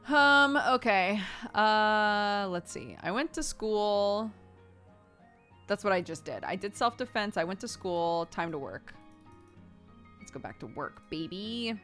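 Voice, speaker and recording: A woman streamer reading a story game aloud, with expressive narration and casual, conversational asides. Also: medium pitch, slow pace. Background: music.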